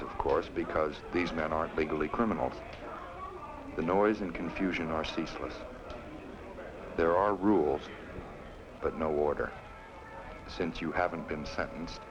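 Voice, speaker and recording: A man reading scripted documentary narration in a measured, formal way. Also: rumbling low. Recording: dull sound, loud crowd behind.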